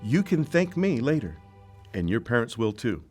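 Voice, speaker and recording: A man's voice: medium pitch, sing-song, a little mellow, slightly rough, soft background music. A man playing a pompous self-important show host. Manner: grandiose, over-deliberate, fussy about his name. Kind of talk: comedy skit acting.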